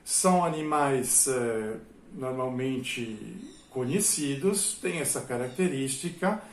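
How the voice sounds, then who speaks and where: A man with a São Paulo interior accent giving a methodical music-education lecture, pausing often on filler sounds. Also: mid-range voice, expressive, reverberant, slight background noise. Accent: São Paulo interior, retroflex R. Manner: explains methodically with frequent filler "é". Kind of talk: explanatory lecture.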